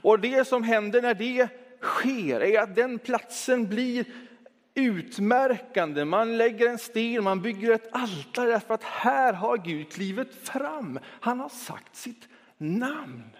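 A man preaching a Sunday sermon in a church, reflective, switching between quick talk and slow, stressed words. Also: very high-pitched, expressive. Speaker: pastor. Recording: long church reverb.

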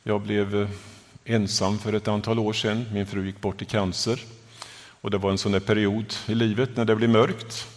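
An older man delivers a Sunday sermon in a measured, earnest way, pausing often between phrases. His voice sits fairly low. A long church reverb trails after each word. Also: flat delivery. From Sweden. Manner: measured, earnest preaching with pauses. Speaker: pastor. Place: church sanctuary.

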